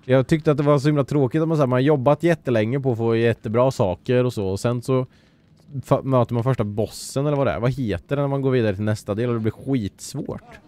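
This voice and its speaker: A man streaming himself playing a game, a parent who chats with his viewers and talks at the characters on screen, breaking into sudden yells. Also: medium pitch. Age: adult parent. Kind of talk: live let's-play commentary.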